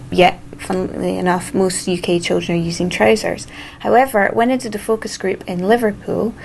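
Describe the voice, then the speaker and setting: A woman's voice: lowish voice, creaky, a little hiss or hum, rough recording. A young woman, a research assistant, explaining things conversationally in an interview.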